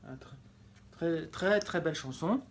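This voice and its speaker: Guy, kinda high voice, showing off his records, keeps fixing his words. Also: a little slow, a little hiss or hum. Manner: enthusiastic, repeats words, corrects himself often. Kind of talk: casual show-and-tell vlog.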